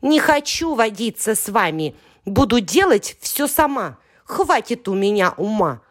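A woman's voice: medium pitch, big pitch swings, unhurried, pitched above the performer's own voice. A woman voicing a boastful, self-important female letter of the alphabet in a storybook poem, talking in a haughty, bragging way. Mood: stubborn.

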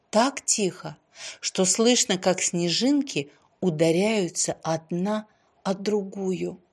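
Woman narrator, gentle expressive storybook reading, hushed and drawn-out at quiet moments, medium pitch.

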